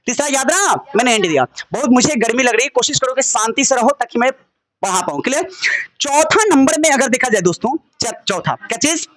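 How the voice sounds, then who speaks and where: A man's voice: very high-pitched, lively intonation, a little fast, crowd noise. A man with a Bhojpuri-inflected Hindi accent, a Sanskrit teacher leading a classroom lesson. He drills students in call-and-response, chanting word forms in a sing-song way and coaxing them with jokes. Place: classroom with children.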